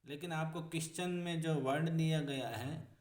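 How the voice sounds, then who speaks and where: A man's voice: a little high, normal speed. Guy teaching vocab, repeats everything, kinda far from the mic, roomy echo. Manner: repetitive explaining, addresses students as friends. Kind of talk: vocabulary lesson. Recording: echoey room, voice off-mic.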